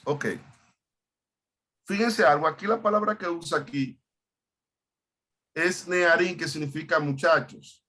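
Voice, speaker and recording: A man's voice: on the high side, unhurried, long pauses, sharp tone. A male pastor leading an online Bible study, stopping often and repeating words as he explains Hebrew terms.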